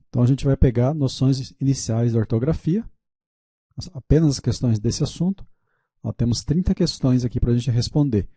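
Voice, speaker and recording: A man with a Brazilian Portuguese accent hosting a relaxed screen-recorded tutorial, talking viewers through each click. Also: medium pitch, slightly rough, dry recording, clean studio sound. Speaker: teacher and channel host.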